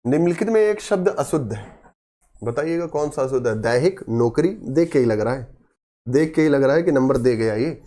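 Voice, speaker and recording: A man's voice: mid-range voice, expressive, normal speed, warm tone. A man teaching a grammar lesson for exam students, quizzing his class and answering himself, repeating key words with emphasis.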